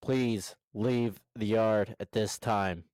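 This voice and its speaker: A stern security robot voice , as a man playing game master puts it on, delivering slow, measured, flat warnings. The tone is smooth and clear, and the recording is dry and close, with no room sound. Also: on the low side, no echo.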